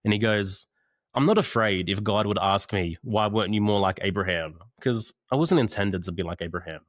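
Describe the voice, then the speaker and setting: Deep-voiced earnest man telling a story. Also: moderate pace, dry recording, studio quality. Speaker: podcast guest. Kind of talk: casual conversation. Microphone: video call.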